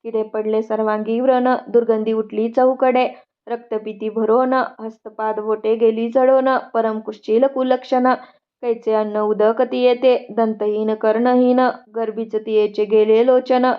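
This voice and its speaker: Woman reader, higher voice, flat even chant of sacred verses, dull lo-fi sound. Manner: steady, even verse-by-verse recitation. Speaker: devotional scripture reader.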